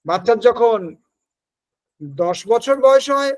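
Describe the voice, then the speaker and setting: A man's voice: extremely high pitch, takes it slowly. A male teacher giving an exam-prep lecture, explaining step by step, dropping in English terms and checking that his students follow.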